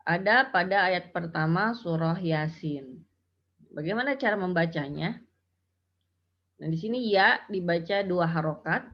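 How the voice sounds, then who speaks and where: A woman's voice: lowish voice, lively intonation, unhurried, long pauses. A woman teaching Quran recitation rules, explaining patiently and chanting example syllables. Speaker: tajwid teacher. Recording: dull lo-fi audio.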